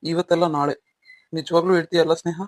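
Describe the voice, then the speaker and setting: A man playing a guarded young husband who asks calm, probing questions. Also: a little high, quick pace, no echo, lightly acted.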